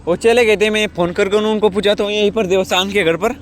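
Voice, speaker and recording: A man's voice: high-pitched, fairly even intonation, a little fast, a little hiss or hum. A young man, chatting casually through a daily vlog while rambling and restarting his sentences. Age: young adult. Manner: rambling, restarts often, says "matlab" and "guys". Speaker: vlogger. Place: village home and roadside, outdoors. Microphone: handheld phone.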